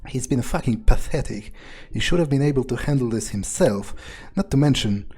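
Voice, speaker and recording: A man role-playing a character as he games muses aloud in a blunt, profane way, with game music underneath. His mid-range voice is expressive and dark with a breathy edge, delivered at normal speed.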